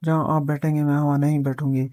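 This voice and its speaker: A man voicing a patient, devoted young woman in a storybook reading, with a soft pleading delivery. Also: a little high, flat delivery, no echo, clean studio sound, natural voice.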